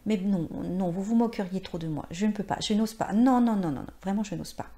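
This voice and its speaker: Woman reading as an old actress, 69, dreamy and passionate, kinda bashful, mellow soft voice. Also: medium pitch, fairly quick, natural voice. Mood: shy, playful. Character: wistful sixty-nine-year-old former actress. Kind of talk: read-aloud short story.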